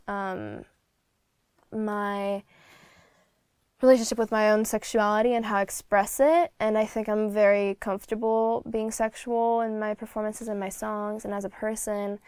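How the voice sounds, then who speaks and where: A woman's voice: medium pitch, steady tone, measured pace, smooth, dry recording, clean studio sound. A Slovak woman in her twenties, a singer chatting as a guest in an interview, blunt and talkative with lots of fillers. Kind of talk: casual interview chat.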